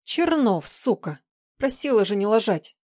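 A woman reading an audiobook, voicing a volatile, spiteful young woman who snaps and turns shrill. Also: steady tone, fairly quick, warm tone, no room sound, studio quality, lightly acted. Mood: furious. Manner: snapping, spiteful, shrill when angry. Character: volatile, vicious young woman called the shadow. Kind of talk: audiobook character voice.

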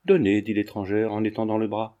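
Male narrator, audiobook reading, measured and steady, mellow dark tone. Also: mid-range voice, lo-fi sound. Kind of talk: scripted narration of a classic novel.

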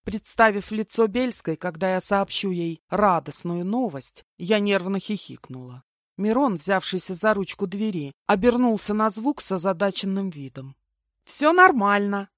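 A woman narrating a first-person story as an audiobook, with a lively, wry storytelling manner. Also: lowish voice, no room sound, clean studio sound.

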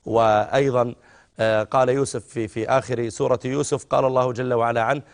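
Callers to a religious advice line are answered by a middle-aged scholar with a Saudi accent, who warmly calls them "my son" in an avuncular manner. His medium-pitched voice holds a steady tone at a fast pace.

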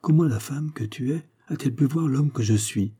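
A poor young cowherd, earnest and wondering, speaks in a dark, husky tone, voiced by a man reading a storybook. His lines come softly and a little breathy, full of devotion. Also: medium pitch, moderate pace. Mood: adoring.

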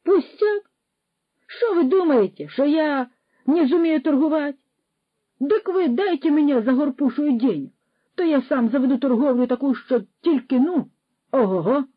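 A woman's voice: on the high side, expressive, moderate pace, dry recording, narrow, tinny audio, pitched above the performer's own voice. A woman voicing a boastful, pushy young male ex-soldier who mixes Russian words into his speech, in a storybook reading. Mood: indignant.

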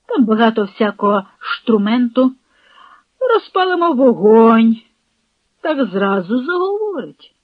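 A reader voicing a burly Cossack who makes blunt, gruff threats, in an audiobook. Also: mid-range voice, very animated, unhurried, dry recording. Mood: menacing. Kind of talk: audiobook reading with character voices. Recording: dry, dull lo-fi recording.

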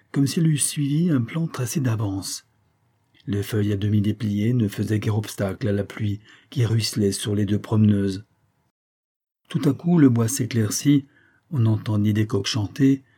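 Low, husky male audiobook narrator. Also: warm tone.

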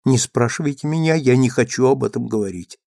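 A man's voice: mid-range voice, fairly quick, vocal fry, a little mellow, no room sound, close to an everyday voice. Proud young country woman, reluctant, curt and firm ; a male reader voices her, dry sound.

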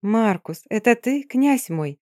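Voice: medium pitch, lively intonation, slow, mellow, no echo, studio quality, pitched above the performer's own voice. An audiobook narrator voicing a seductive, mocking female water spirit with a sing-song, teasing manner. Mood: pleading. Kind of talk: audiobook reading.

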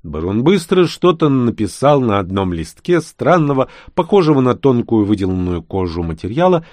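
A man narrating a first-person fantasy novel as an expressive audiobook reader. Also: fairly low pitch, no room sound. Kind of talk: first-person fiction reading.

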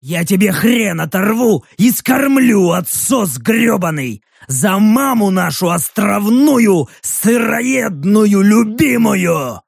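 A man voicing a hot-tempered, hoarse male orc warrior who swears and threatens in an audiobook. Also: high-pitched, big pitch swings, takes it slowly, few pauses, no echo, clean studio sound, pitched above the performer's own voice, heavily acted. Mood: menacing.

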